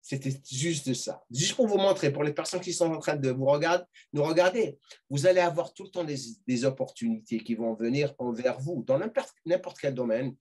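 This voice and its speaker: A middle-aged man telling a personal story as a podcast guest, animated and full of restarts and repeated words. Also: on the high side, fairly quick, slightly rough. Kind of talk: casual storytelling.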